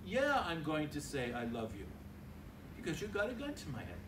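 The voice is fairly high, with wildly swooping pitch at normal speed against a noisy background. It belongs to an older priest giving a chatty sermon at a lectern in a large church hall, acting out brief dialogues, recorded via stand mic and filmed from a distance.

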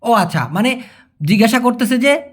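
Coaxing man with a lively voice. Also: very high-pitched, normal speed. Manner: repetitive, coaxing, checks understanding often. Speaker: language teacher. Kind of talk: explaining Malay vocabulary to viewers.

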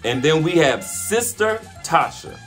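A man's voice: on the high side, very animated, measured pace, a bit bright. A man hosting a cooking channel, casually calling out names in a playful, chatty vlog giveaway. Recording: music playing behind the voice.

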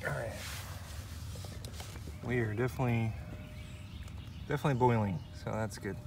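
Out in the autumn woods, a forty-something outdoor vlogger cooks and chats in a casual, think-aloud way, full of fillers and self-deprecating remarks. He speaks in a mid-range voice at a normal pace. Background noise comes through clearly, since it was recorded outdoors.

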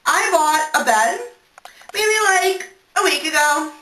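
A woman's voice: high voice, lively intonation, slow pace, sharp tone. A young adult woman venting casually and exasperatedly in a bathroom, with scratching heard in the background. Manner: exasperated, sweary complaining. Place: small indoor bathroom. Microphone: phone at arm's length. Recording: echoey, distant, noisy bathroom phone recording. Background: scratching sounds.

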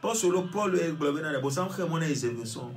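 A man's voice: a little high, expressive, brisk, faint music behind. A Togolese man, an evangelist, leading a fervent prayer sermon and chanting repeated phrases while urging listeners to pray. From Togo.

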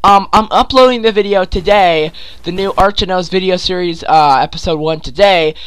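A young gaming YouTuber with a sore throat and stuffy nose rambles through a screen-recorded game tutorial, full of fillers and restarts. His voice is high-pitched, a bit bright, clear and resonant, at a moderate pace, though the audio is poor.

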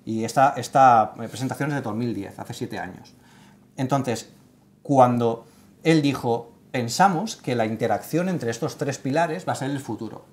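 A man's voice: mid-range voice, normal speed, darkish tone. A man in his thirties in a casual studio panel chat, talking emphatically with many fillers and restarts. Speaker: tech site writer leading the segment. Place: studio set with sofa.

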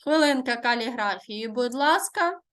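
Woman teacher, fairly high voice, slow dictation pace, asks and answers her own questions. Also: expressive, fairly bright tone. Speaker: primary school teacher. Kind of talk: online Ukrainian language lesson.

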